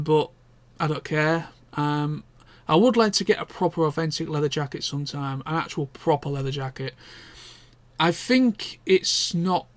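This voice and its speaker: A man vlogs in a rambling, easygoing chat, often stopping to correct himself and dropping the occasional swear word. His voice sits a bit higher than most men's. The sound is dry and close, with no room echo. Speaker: vlogger. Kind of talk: casual chat.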